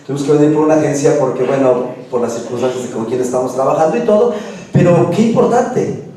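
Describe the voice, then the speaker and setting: A man's voice: fairly high pitch, lively intonation, fast talker, mellow. A man with a Mexican accent preaching a sermon in a conversational way, repeating words and asking the audience questions. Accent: Mexican Spanish. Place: church hall. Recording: very echoey church hall, voice far off.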